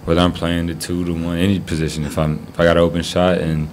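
Young male athlete, deep monotone, casual presser answers, table mic. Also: quick pace, a little hiss or hum. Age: young adult. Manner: low-key, many fillers. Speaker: college basketball player. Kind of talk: postgame press conference answers. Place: press room, seated at a table.

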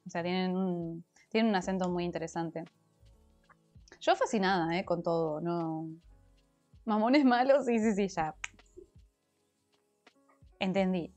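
A former language teacher from Argentina, with a Rioplatense Spanish accent, chats casually with her viewers on a crafting livestream, reading and answering comments and explaining things at length. Her fairly low, slightly mellow voice is unhurried with frequent pauses, and she sounds a little congested from allergies. Soft music plays in the background.

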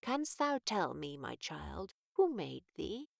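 A woman's voice: fairly high pitch, sing-song, a little slow, fairly bright tone, dry recording, clean studio sound, pitched above the performer's own voice, full character voice. Old Puritan minister, grandfatherly and solemn, voiced by a woman reader. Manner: archaic, questioning, solemn.

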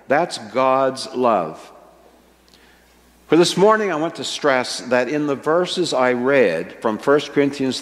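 An older male preacher with a mid-range voice delivers a sermon slowly, earnestly and deliberately, leaning on key words. He speaks into a microphone at a wooden pulpit in an indoor church sanctuary with a stage, filmed by a fixed camera, and the sound has a long, reverberant church echo.

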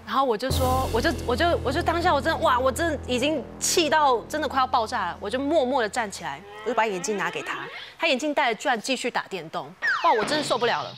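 A woman tells her story quickly, in a slightly high voice. She brings the scene to life by acting out what people said. Music plays clearly behind her. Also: animated. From Taiwan. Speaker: guest. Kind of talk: telling a personal story on a TV variety show. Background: background music.

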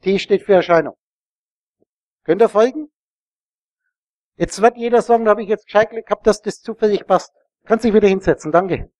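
A man with a notably high voice lectures a room full of listeners, wandering from point to point and checking whether they are following. His sound is close and dry, with almost no room echo. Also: brisk, long pauses, a little mellow. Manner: rambling, explanatory, asks the audience questions. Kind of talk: live teaching talk to an audience.

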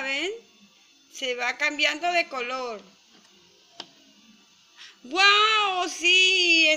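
A woman's voice: high voice, pushed and bright. A woman with a Latin American Spanish accent, hosting a toy channel and playing mother to a crying baby doll in a sweet, coaxing voice.

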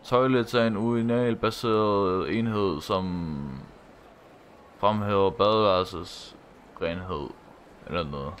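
A man's voice: fairly low pitch, fairly bright tone, slight background noise. A young man streaming a game live, reading dialogue aloud, swearing and laughing as he plays. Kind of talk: casual live game commentary.

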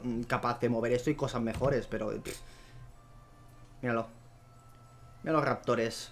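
Chatty gamer man. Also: mid-range voice. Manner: chatty, talks to the animals and viewers, easily excited. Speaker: gameplay video host. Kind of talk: casual gameplay commentary.

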